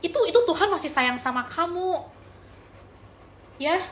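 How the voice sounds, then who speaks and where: A woman's voice: very high-pitched, lively intonation, a little slow, a bit bright, a little hiss or hum. A young woman hosting a casual livestream, answering viewer chat with relationship advice and calling viewers pet names. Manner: affectionate, calls viewers pet names, mixes in English phrases.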